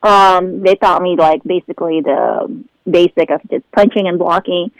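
A woman's voice: on the low side, fairly even intonation, moderate pace, no echo, rough recording. A young woman from the Philippines chatting as a guest, talkative and loose, with many fillers and laughs. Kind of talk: casual chat.

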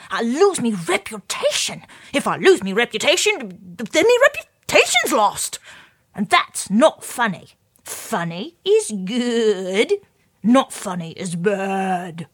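A woman's voice: fairly high pitch, a bit bright, breathy edge, heavily acted. A woman voicing an anxious, dramatic male court jester who stammers and says "me" for "my".

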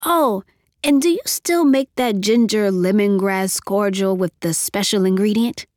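A woman's voice: mid-range voice, a little slow, a little mellow, dry recording, clean studio sound, lightly acted. A woman voicing a tall, thin, chatty young tech leader who keeps up an upbeat, jokey running patter. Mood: cheerful, chatty.

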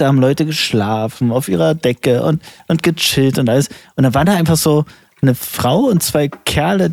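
A man from Germany co-hosting a casual chat podcast, telling a story in a relaxed way and often agreeing with his partner. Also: on the high side, dry recording, clean studio sound. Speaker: podcast co-host.

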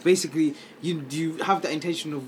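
A young man with a London roadman accent, chatting casually as a podcast co-host in animated, slang-heavy bursts full of repeated tags. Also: on the high side, fast, slight background noise. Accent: London roadman, multicultural London slang. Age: young adult. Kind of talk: casual banter among friends.

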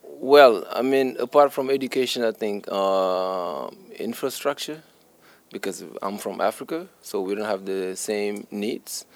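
Deep-voiced man with a Senegalese accent. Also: gravelly. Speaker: English teacher being interviewed. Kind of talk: interview answers.

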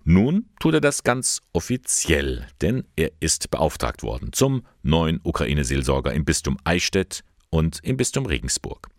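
Radio news guy with a super deep voice, lively delivery, dry sound. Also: measured pace, hardly any pauses, no room sound. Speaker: radio presenter. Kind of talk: news report and interview.

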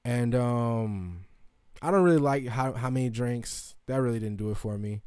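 A man's voice: mid-range voice, moderate pace, darkish tone, smooth, no room sound, studio quality. A young man hosting a casual comedic monologue, rambling and profane with lots of ums and asides. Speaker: show host.

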